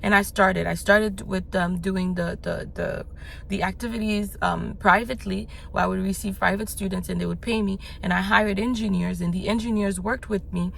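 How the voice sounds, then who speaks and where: A woman's voice: medium pitch, steady tone, normal speed, gravelly, a bit bright, slight background noise. A woman who grew up in the United States, talking in a motivational vlog as a business coach. She is blunt and swears casually, rambling loosely with lots of fillers and restarts.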